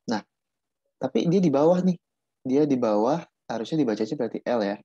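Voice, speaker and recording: A man's voice: mid-range voice, lively intonation, a little fast, dark tone, slightly rough, no room sound. A man teaching Korean pronunciation in a casual online class, repeating himself and restarting while he explains. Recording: dull muffled audio.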